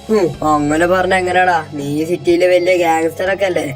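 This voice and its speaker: A man voicing a thief pretending to be a ghost in a game role-play, talking slowly and threateningly. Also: high voice, steady tone, soft background music, close to an everyday voice. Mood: menacing. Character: thieves posing as ghosts, menacing then meek.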